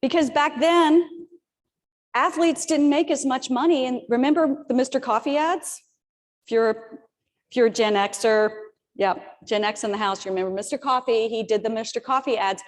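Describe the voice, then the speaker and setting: A woman's voice: high-pitched, normal speed. A woman in her fifties giving a motivational keynote talk, telling personal stories with humorous asides to the audience. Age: 50s. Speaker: keynote speaker. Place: large old theater venue. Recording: long hall reverb on stage.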